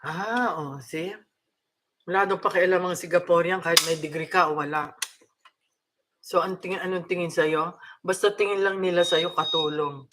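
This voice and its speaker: A woman's voice: on the low side, steady tone, moderate pace, long pauses, noisy background. An older woman with a Filipino accent, chatting casually to her viewers at home, laughing often and mixing in English. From Philippines. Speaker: vlogger.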